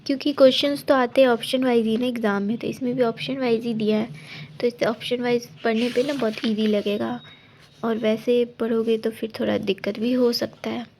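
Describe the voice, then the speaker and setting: A woman's voice: on the high side, little pitch movement, fairly quick, a little mellow, a little hiss or hum. A young woman in a casual study vlog, explaining her exam study plan in a rambling way with many restarts and advising her viewers directly. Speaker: exam aspirant vlogger.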